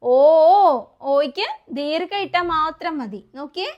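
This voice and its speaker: A woman teaching young children their letters, coaxing them along with questions and slow, repeated letter sounds. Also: sits high, animated. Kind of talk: kids' alphabet lesson.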